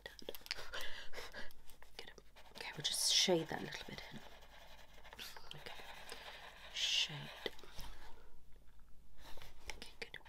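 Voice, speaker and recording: A woman playing a blunt, tactless sketch artist in a whispered role-play, in a fast, aggressive ASMR manner with clipped, repeated phrases. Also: close to an everyday voice. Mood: blunt, focused. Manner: blunt, critical. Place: small indoor room. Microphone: close ASMR mic.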